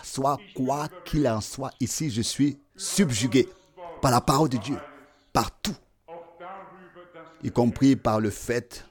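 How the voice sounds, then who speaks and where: A man preaching a sermon, emphatic, with a sing-song cadence that swings between loud declarations and hushed asides. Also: medium pitch.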